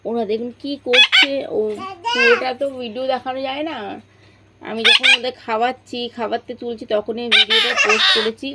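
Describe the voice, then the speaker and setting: A woman on a home vlog, coaxing, gently scolding and cooing at her pet parrots. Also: fairly high pitch, sing-song, brisk. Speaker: vlogger talking to pet parrots. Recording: loud background noise.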